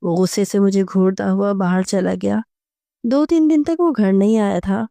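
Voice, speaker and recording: گرم، نرم آواز والی کہانی سنانے والی عورت. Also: female voice, medium pitch, creaky, dry recording. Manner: steady, even storytelling. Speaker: audio novel narrator. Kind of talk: scripted first-person story narration.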